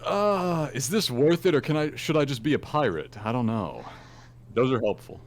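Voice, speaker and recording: A man's voice: medium pitch, expressive, normal speed. A man playing a tabletop game, talking in a playful, mischievous way. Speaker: player.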